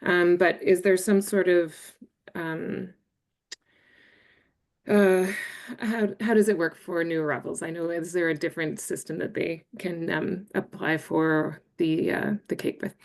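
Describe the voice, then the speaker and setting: A woman's voice: lowish voice, fairly even intonation, unhurried, creaky. A woman interpreting questions into English for a meeting, hesitant and informal as she relays them.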